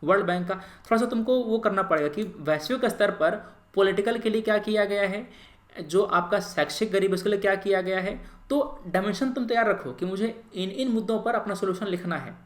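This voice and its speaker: Man giving essay feedback in an echoey room. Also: high voice. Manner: reads essay lines slowly, then comments in a mix of Hindi and English. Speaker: essay-writing mentor. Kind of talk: reviewing student essays aloud.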